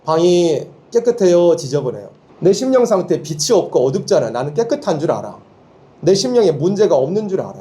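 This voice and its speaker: A man's voice: a little high, a little fast. A man preaching to students at a Bible school, asking rhetorical questions and having his listeners repeat lines after him. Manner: leads call-and-response, has listeners repeat lines; lively, emphatic teaching with rhetorical questions. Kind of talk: sermon to students.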